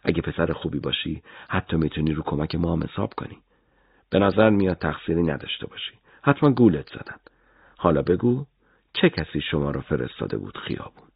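A man's voice: a bass voice, sing-song, creaky, slightly rough, no echo, dull audio, pitched below the performer's own voice, full character voice. A man voicing a menacing middle-aged interrogator who threatens and taunts. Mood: coaxing.

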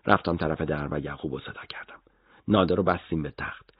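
A man reading a first-person audiobook story in a grim, measured way. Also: very deep voice, slightly rough, no room sound, lo-fi sound. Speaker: narrator.

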